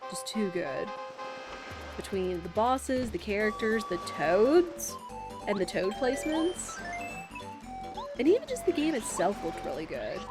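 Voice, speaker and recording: A young woman streaming a game sounds nasal and congested from a cold as she rambles casually, filling her talk with fillers. Her mid-range voice is very animated, yet she speaks unhurriedly with long pauses. Game music plays in the background.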